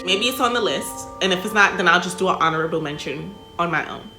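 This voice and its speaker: An American woman giving casual reaction commentary in an animated, emphatic way with plenty of swearing and slang. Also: fairly low pitch, fast talker. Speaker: reaction video host. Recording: roomy echo, music behind.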